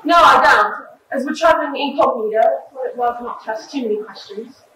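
A teenage girl acting a shrewd, secretive male detective on a school stage, brisk and observant, heard far off in an echoey hall. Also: high voice, bright, forceful tone, a little hiss or hum. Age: teens. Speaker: student actor. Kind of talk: stage play performance. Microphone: distant room mic.

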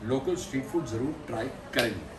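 A man's voice: medium pitch, brisk, echoey room, noisy background. A man co-hosting a travel show, teasing his friend in playful banter inside a shop. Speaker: co-host. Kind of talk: casual banter. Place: large clothing shop indoors.

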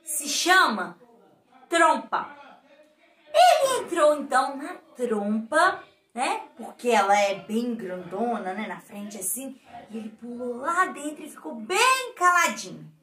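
A woman with a Brazilian accent, a preschool teacher telling a story to small children, animated and asking them questions. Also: high voice. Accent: Brazilian Portuguese. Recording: echoey room.

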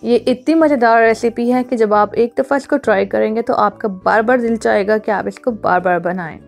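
A woman narrates a home cooking tutorial over faint background music. Her voice sits a little high, and she explains each step in a chatty, instructive manner, going back over her points. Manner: chatty, instructive, repeats herself. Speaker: cooking channel host.

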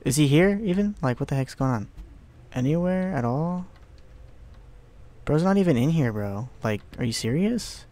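A young man giving casual let's play commentary on a horror game, excitable, muttering to himself and swearing. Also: fairly high pitch, normal speed, pauses often.

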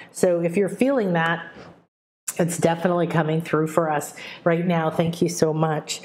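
A woman speaking as a spiritual guide, giving a meditative talk in a gentle, soothing, instructive manner. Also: lowish voice.

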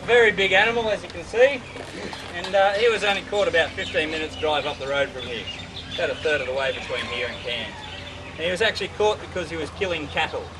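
A high-pitched Australian man leads a crocodile farm tour, mixing jokes with loud calls to coax the animals. He is picked up outdoors by a tourist's handheld camera some distance away. Steady outdoor noise runs under his voice. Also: very fast. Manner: joking patter with loud coaxing calls to the animals. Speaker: crocodile keeper giving a tour. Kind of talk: casual guided tour talk. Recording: outdoor camcorder audio with ambient noise.

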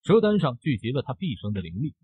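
A man's voice: mid-range voice, big pitch swings, quick pace, husky, dry recording, narrow, tinny audio. A man voicing a sorrowful snake-clan queen mother. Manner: sorrowful, protective.

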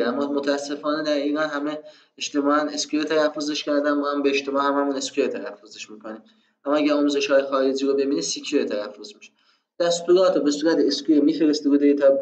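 A man's voice: on the high side, darkish tone, echoey room. Male tutor, casual lesson delivery with rhetorical asides, lo-fi mic. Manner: conversational, rhetorical self-questions, frequent fillers. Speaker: programming instructor. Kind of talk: screen-recorded tutorial explanation.

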